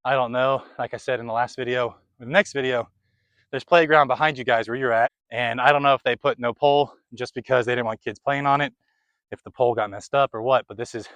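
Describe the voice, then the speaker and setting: A man's voice: mid-range voice, a bit bright, dry recording. Young man, casual course commentary while short of breath, dry sound. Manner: chatty, running commentary between throws. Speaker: disc golf vlogger. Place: outdoors on a disc golf course.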